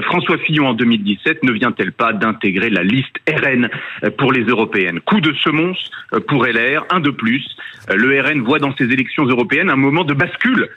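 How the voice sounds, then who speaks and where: A boxed-in, tinny remote line carries a Frenchman's voice, dull and lo-fi, with a slightly husky edge. He speaks with a French accent from France at a lowish pitch, delivering political commentary as a radio editor. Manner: boxed-in, muffled sound as if speaking inside a tin can. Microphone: remote call connection.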